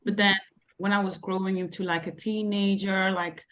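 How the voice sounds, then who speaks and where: A young woman from Belgium, guesting as a sports coach and mentor, fields interview questions about her coaching. Her medium-pitched voice is level, a bit bright and moderately paced, and she speaks hesitantly, with frequent ums, likes and other fillers.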